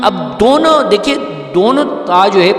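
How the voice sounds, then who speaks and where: Male recitation teacher with a high voice, patient letter-by-letter explaining, roomy long-reverb sound, faint music behind. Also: lively intonation. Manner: patient, explains letter by letter, often checks "okay?". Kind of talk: step-by-step recitation lesson.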